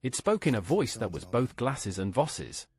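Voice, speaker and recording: A man's voice: mid-range voice, very animated, normal speed, a little mellow. A man narrating a horror story in a tense, dramatic manner.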